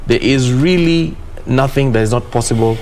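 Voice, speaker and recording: A man's voice: medium pitch, moderate pace, darkish tone, slight background noise. A man from Kenya co-hosting a studio sports discussion, talking emphatically and tagging his points with "okay?". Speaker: sports show co-host.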